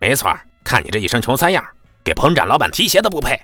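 A man voicing a brash, bullying young hanger-on of a rich family who sounds shrill and crude. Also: very animated, fast, dry recording, faint music behind.

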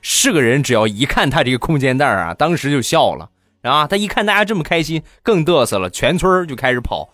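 Animated playful male storyteller. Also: a little high, fast talker, dry recording, studio quality. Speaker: comedian storyteller. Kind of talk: comic storytelling monologue.

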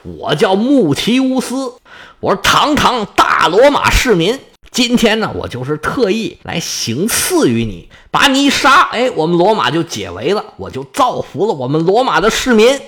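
Guy doing a cocky young roman fighter, defiant, high and jumpy voice. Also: sing-song, normal speed, a bit bright, exaggerated voice. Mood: proud. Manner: defiant, boastful. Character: defiant young Roman assassin, proud and fearless.

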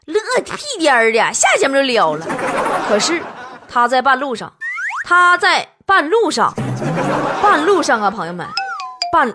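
A woman's voice: high-pitched, very animated, over music. A woman hosting a radio show, telling a funny story in a chatty, teasing way. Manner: teasing, chatty, drawn-out phrasing. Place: radio studio.

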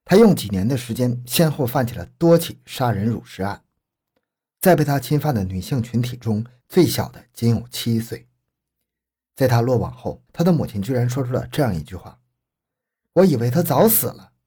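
A man narrates a scripted true-crime story, measured and grave yet animated, with a dark tone. His voice sits at an ordinary middle pitch and has a husky, slightly rough edge.

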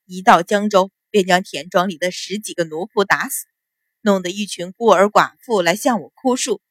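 A woman's voice: mid-range voice, normal speed, no room sound, studio quality, close to an everyday voice. A woman voicing a resentful, scheming middle-aged stepmother in a noble house, speaking coldly and bitingly. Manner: cold, biting.

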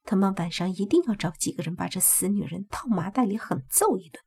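A woman reading a storybook, voicing a poised, quietly vengeful young female star who mutters low. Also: animated, a little fast, slightly rough. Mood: muttering.

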